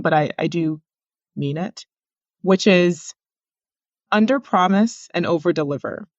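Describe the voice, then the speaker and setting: A woman physician and researcher, a podcast guest, explaining her advice in a measured, steady way. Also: fairly low pitch, dry recording, dull audio. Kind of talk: podcast interview.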